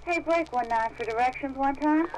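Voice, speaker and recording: A woman playing a motorist who calls for help over CB radio, speaking in brisk trucker slang. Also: high-pitched, noisy background.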